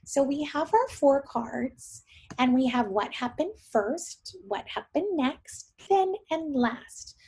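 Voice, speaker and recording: In a low-quality recording, a woman teacher reads a story to young children slowly and in a high-pitched voice. Her delivery is expressive, and she frequently wonders aloud with questions for her audience.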